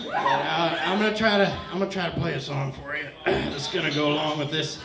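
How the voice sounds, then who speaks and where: A man doing a loud, rambling stand-up set in a bar, mock-earnest and bantering with the crowd, a little out of breath. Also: on the high side, steady tone, a little fast, gravelly. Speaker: stand-up comedian. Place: bar stage with laughing crowd. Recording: echoey bar room, crowd laughter.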